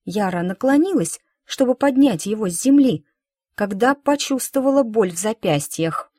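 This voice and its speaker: A woman narrating a story with a steady, expressive reading. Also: fairly high pitch, normal speed, dry recording, studio quality.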